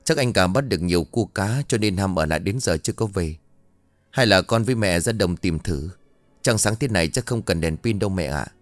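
A man voicing a scared young village son who calls out urgently and fearfully, a bit higher than his own voice. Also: expressive, a little fast, no echo, soft background music. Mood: worried. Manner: urgent, frightened calling.

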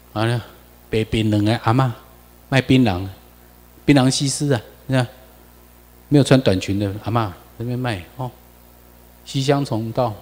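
A man with a Taiwanese accent giving a lecture over slides, animated and full of rhetorical questions to the audience. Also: lowish voice, in a large hall.

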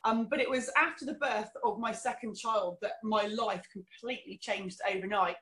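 A woman's voice: medium pitch, moderate pace, fairly bright tone. A middle-aged woman from England, candidly telling her life story as an interview guest, with many fillers. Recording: roomy echo.

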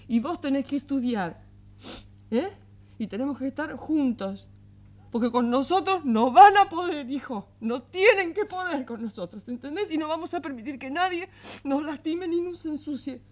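An actress with a Rioplatense accent playing a tender, weary single mother who soothes her young son in a soft, coaxing voice that often sinks to a murmur. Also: sits high. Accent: Rioplatense Spanish. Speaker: mother of an eleven-year-old boy. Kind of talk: 1980s television drama acting.

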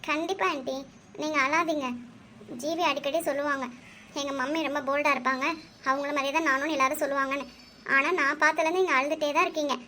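A woman's voice: high voice, steady tone, fast, sharp tone, slight background noise. A woman voicing an earnest young woman who persuades a grieving mother to rest, in a cartoon dub. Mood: persuasive.

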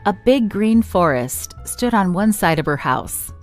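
A woman telling a children's church story in a medium-pitched voice. Her delivery is animated, dipping low and climbing high to colour each line. Faint music sits underneath. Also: unhurried. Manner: expressive, swoops up and down for emphasis. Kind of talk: reading a children's story aloud.

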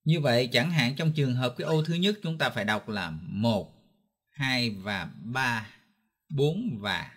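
A man's voice: mid-range voice, lively intonation, moderate pace, few pauses, slightly rough. A man from Vietnam teaching a guitar lesson step by step, patiently counting beats and calling out note names. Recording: guitar playing in the background.

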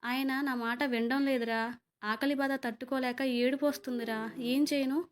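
A woman's voice: high-pitched, steady tone, moderate pace, close to an everyday voice. Woman putting on an eerie hungry old crone. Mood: plaintive.

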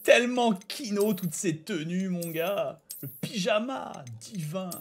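A man's voice: sits high, animated, slow pace. A man giving casual, slangy and playful gameplay commentary, full of exclamations. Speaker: video game streamer and host. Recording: game music behind the voice.

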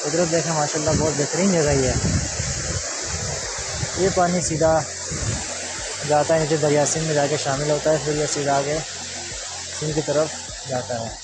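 A man's voice: a little high, steady tone, normal speed, long pauses, noisy background. A young man from Pakistan chatting casually to viewers as a travel vlogger, filming outdoors by a mountain waterfall on a phone held at arm's length. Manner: chatty, touristy, addressing viewers directly. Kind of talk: casual travel vlog narration.

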